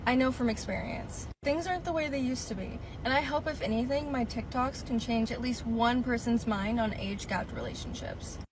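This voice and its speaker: A woman's voice: a little high, normal speed, few pauses, background noise. A woman making a sincere, persuasive case in a social media monologue.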